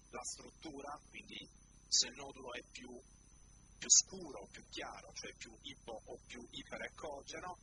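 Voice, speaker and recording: A man speaking as a medical expert, explaining carefully and didactically to a caller, often repeating and rephrasing key phrases. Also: very high-pitched. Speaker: doctor, studio guest expert. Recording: very noisy broadcast audio.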